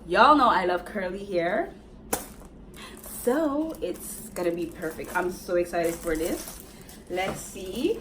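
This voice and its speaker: Woman beauty vlogger, casual unboxing chat, unhurried and excitable, a bit off-mic with faint room hum. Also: medium pitch, far from the mic. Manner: excitable, chatty, talks straight to viewers.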